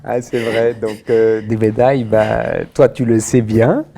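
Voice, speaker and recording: A director of a Senegalese association, born in France and raised in Senegal, answers interview questions earnestly, with many hesitations and restarts. His voice is lowish, gravelly, and dark, with a steady tone and a slow pace.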